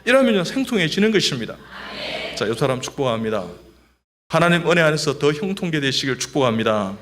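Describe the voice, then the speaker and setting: Lively, joking middle-aged man. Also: a little high, quick pace, slight background noise. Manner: lively, joking, leads the congregation in repeating phrases. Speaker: guest speaker, doctor giving testimony. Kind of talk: humorous church testimony.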